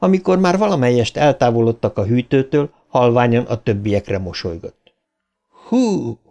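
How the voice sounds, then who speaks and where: A man reading a horror novel aloud as an audiobook narrator, measured and dramatic. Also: mid-range voice, lively intonation, mellow. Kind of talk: scripted narration.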